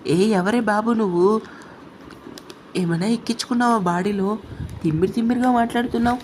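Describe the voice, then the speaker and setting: A woman's voice: medium pitch, fairly quick, a little mellow, a little hiss or hum, lightly acted. A woman voicing a stern young man who speaks curtly and scolds. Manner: curt, scolding.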